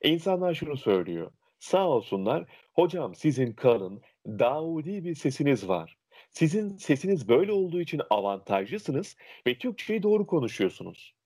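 In an interview, a young diction instructor talks about speech and dialects, bringing in vivid illustrative examples. He has a husky, fairly high voice and speaks at normal speed.

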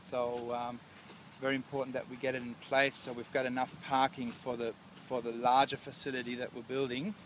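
A man in his thirties with an Australian accent, a council project manager giving a relaxed walkthrough outdoors with many ums and restarts. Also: mid-range voice, fairly quick, slight background noise. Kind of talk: casual on-site walkthrough. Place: outdoors at a construction site. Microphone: lapel mic.

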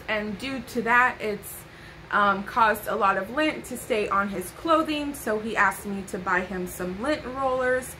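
A woman's voice: a little high, sharp tone, a little hiss or hum, rough recording. A young woman vlogging a casual haul to camera from her bedroom, sassy and chatty with playful asides.

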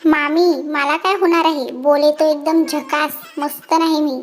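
A performer voicing a brash, show-off young village man in a cartoon, swaggering, with a high pitch-shifted voice. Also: steady tone, a little slow. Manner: swaggering slang.

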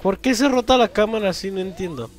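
A young man, commentating a video game as he plays, swearing loudly and laughing often at what happens on screen. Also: sits high, quick pace, faint music behind. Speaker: gameplay commentator. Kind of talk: let's play commentary.

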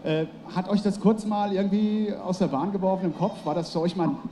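A man's voice: high-pitched, brisk, warm tone. A man hosting a live stage interview, asking questions and rallying the audience with energy. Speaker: event host and interviewer.

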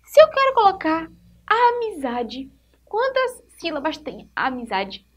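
A woman teaching a literacy lesson to young children, asking questions and answering them herself, stretching words out slowly syllable by syllable. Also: extremely high pitch, very animated.

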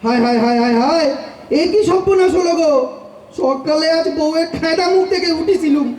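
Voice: very high voice, moderate pace, darkish tone. A performer voicing a fretful, henpecked poor woodcutter in a radio play, talking in a rustic way and lamenting often. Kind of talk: amateur radio play acting. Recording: echoey room with faint noise.

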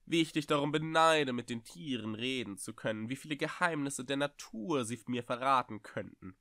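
A man's voice: medium pitch, moderate pace, pushed and bright, dry recording, clean studio sound. Creepy storybook master, sly and falsely friendly, read by a man. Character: eerie old master with a bony voice.

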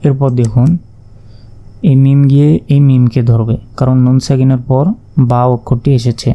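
A man teaching Quran reading in a step-by-step lesson, slowly spelling out letters and vowel marks one by one. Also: medium pitch, flat delivery, mellow.

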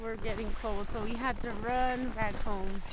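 Young woman, slightly high voice, casual chat, vlog companion, noisy outdoor camera audio. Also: steady tone, normal speed. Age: young adult. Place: outdoors on a snowy forest trail. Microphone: handheld camera a step away.

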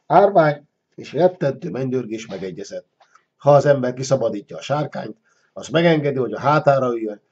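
A man narrating a children's storybook in a lively, expressive way. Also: mid-range voice, breathy edge, dull audio.

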